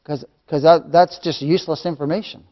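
A middle-aged man teaching a Sunday school sermon, swinging from loud proclamation to hushed whispers and repeating phrases for emphasis. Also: a little high, fairly even intonation, a little fast, highs cut off, background noise.

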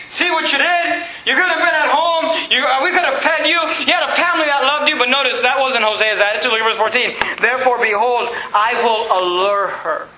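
A male pastor preaches in an echoey church, his high, sharply bright voice carrying over a faint background hum. He talks straight to the congregation and breaks off to read scripture aloud. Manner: earnest preaching, reads scripture aloud, addresses congregation directly. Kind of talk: sermon. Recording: echoey room, faint ambient noise.

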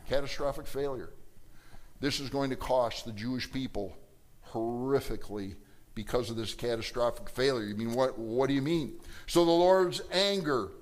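A man's voice: mid-range voice, normal speed. A middle-aged male pastor preaching a sermon with fiery emphasis, reading scripture aloud and acting out quoted voices.

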